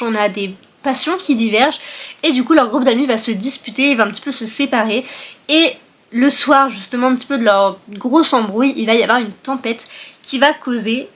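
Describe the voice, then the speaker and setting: Chatty young French woman, bright pitch. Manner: chatty, rambling with many fillers and self-corrections. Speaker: book vlogger. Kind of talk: casual book haul chat.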